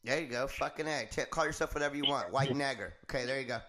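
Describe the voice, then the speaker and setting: A man's voice: medium pitch, fast talker. Laid-back male podcast host, crowd behind. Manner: laid-back, profane, brief interjections. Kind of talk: casual podcast chat.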